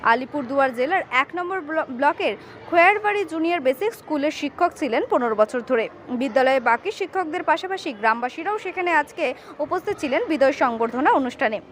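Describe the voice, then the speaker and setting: A woman's voice: high-pitched, lively intonation, fairly quick, fairly bright tone, slight background noise. A woman reading scripted news narration as a reporter.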